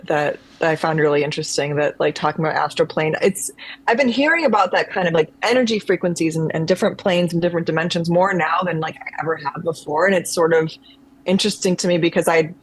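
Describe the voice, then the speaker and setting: In a low voice and at a quick pace, a conservatory-trained actress reflects conversationally as a guest on a video call. She wanders through her thoughts with frequent restarts, and the recording is low quality.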